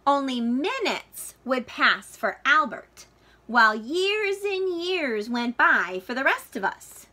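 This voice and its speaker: A teacher with a high, very lively voice reads a picture book aloud to young listeners. She sounds bright and crisp, emphasizing key words and deliberately drawing them out in an expressive delivery.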